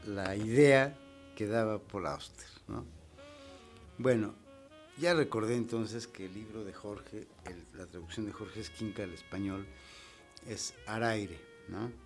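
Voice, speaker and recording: A man's voice: lowish voice, takes it slowly, faint music behind. A middle-aged man hosting a poetry program, talking in a reflective, hesitant way with many repeated words and fillers. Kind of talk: slow, reflective talk on poetry.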